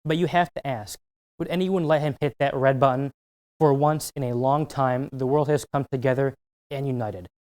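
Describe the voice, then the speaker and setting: A man's voice: mid-range voice, fairly even intonation, moderate pace, a little mellow. Serious young male correspondent. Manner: serious, grave. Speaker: world news correspondent. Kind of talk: scripted news report.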